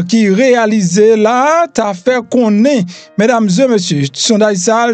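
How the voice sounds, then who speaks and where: Haitian guy doing a casual news rundown, lots of fillers, soft music under it. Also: sits high, dry recording. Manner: loose, chatty headline reading with frequent "hein" and "eh bien". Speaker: news host.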